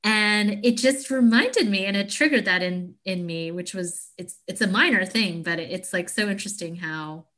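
A woman from the United States co-hosting a podcast, talking reflectively and casually in a thoughtful, halting way. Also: medium pitch, a bit bright. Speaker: podcast co-host. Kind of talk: casual chat.

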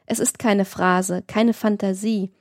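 A woman's voice: medium pitch, steady tone, slow, darkish tone, no echo, studio quality. A woman voicing an imploring young man in a passionate love scene of an audiobook. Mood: pleading. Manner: fervent, imploring. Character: passionate pleading young male lover.

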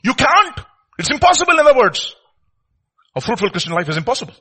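A man's voice: very high-pitched, big pitch swings, quick pace, sharp tone, breathy edge. A man with an Indian accent preaching informally, repeating short phrases and putting rhetorical questions to his listeners.

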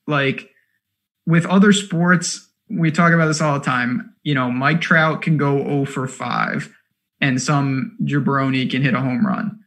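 A man co-hosting a fantasy basketball strategy show, talking casually in quick, animated bursts with lots of fillers. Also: mid-range voice. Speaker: co-host of a fantasy sports show. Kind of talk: casual analytical chat.

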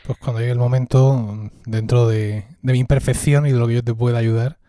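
A man's voice: medium pitch, flat delivery, fairly quick, dark tone, dry recording, studio quality. A man co-hosting a podcast, answering briefly and supportively in casual conversation. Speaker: podcast co-host.

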